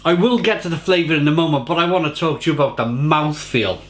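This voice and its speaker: A man's voice: fairly high pitch, a bit bright. A man giving a casual, effusive beer tasting review, often repeating phrases for emphasis.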